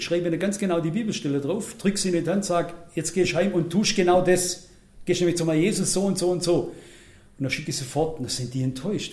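Blunt, self-mocking male preacher, high voice, roomy hall sound. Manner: blunt, self-mocking, shifts between loud emphatic lines and quiet asides. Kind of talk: sermon.

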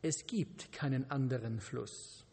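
A man's voice: medium pitch, slow pace, darkish tone, slightly rough, in a large hall, pitched below the performer's own voice. A man reading as a huge solemn male lion.

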